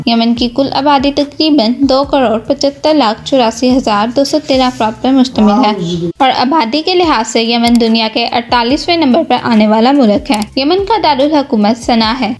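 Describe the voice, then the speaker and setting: A woman from Pakistan narrates an informational video in a formal, scripted way. Her voice sits somewhat high, and she keeps turning to address her viewers. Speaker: channel host.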